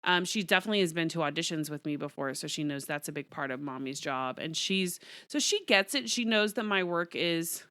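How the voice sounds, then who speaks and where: A woman's voice: sits low, animated, a little fast, few pauses, fairly bright tone, dry recording. A middle-aged woman, a guest being interviewed, chatting candidly and often laughing. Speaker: guest, entertainment reporter. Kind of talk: casual interview chat.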